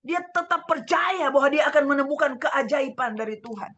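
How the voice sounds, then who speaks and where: A middle-aged woman pastor from Manado with a Manado Indonesian accent, preaching a sermon over a video call, fervent and swinging between loud exclaiming and hushed asides. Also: sits high, lively intonation, moderate pace, muffled recording. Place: home room, husband preaching next door.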